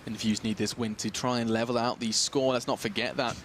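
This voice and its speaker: A man giving play-by-play commentary on an esports match, getting excited and climbing in pitch at the big plays. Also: brisk, a little hiss or hum.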